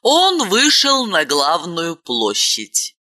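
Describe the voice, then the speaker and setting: A woman narrating a story in an expressive, dramatic reading. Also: fairly low pitch, extremely slow. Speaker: audiobook narrator. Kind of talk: scripted narration.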